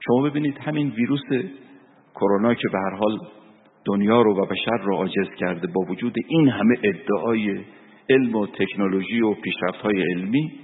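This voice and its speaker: A man giving a sermon as a cleric, telling stories and reciting verse and scripture. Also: lowish voice. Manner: storytelling preacher, recites verse and Quran. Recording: tinny phone-like sound with long reverb.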